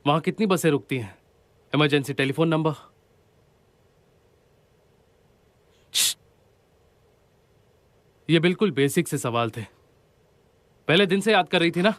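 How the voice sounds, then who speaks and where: A man's voice: a little high, normal speed, long pauses, fairly bright tone, no echo, lightly acted. An actor dubbing a strict, blunt young man who lectures and scolds in a drama. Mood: stern. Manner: stern and lecturing. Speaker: dubbed drama character. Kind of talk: Hindi dub of a drama.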